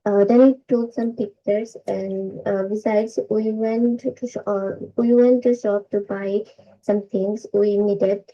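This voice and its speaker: Slow, hesitant woman with a Bengali accent, muffled audio. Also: mid-range voice, steady tone. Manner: careful, hesitant, with many uh fillers. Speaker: student. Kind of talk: practiced spoken presentation. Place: online video class.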